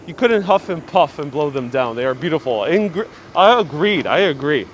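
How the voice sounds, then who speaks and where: Slightly muffled, higher-voiced man guiding outdoors. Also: expressive, moderate pace. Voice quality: slightly muffled through a mask. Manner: chatty, effusively polite to viewers. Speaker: live-streaming walking tour guide. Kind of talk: casual live commentary, answering viewer comments. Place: outdoors, walking on city streets. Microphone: clip-on mic worn on the body. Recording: street noise, outdoor live stream. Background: street ambience, passing vehicles.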